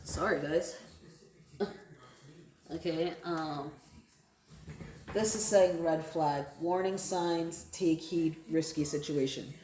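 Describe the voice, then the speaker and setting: Slow and prone to pauses, her low, dark voice sounds echoey. She is a tarot card reader giving a casual, improvised reading, talking to her viewers conversationally, repeating phrases and checking in often with "right?" and "okay?".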